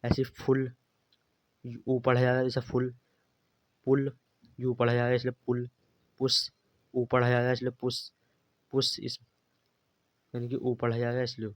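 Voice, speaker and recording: A man's voice: mid-range voice, completely flat delivery, measured pace, pauses often, dry recording. A man teaching a beginners' English phonics lesson, patiently spelling words out letter by letter and repeating them. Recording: dry, slightly dull lo-fi recording.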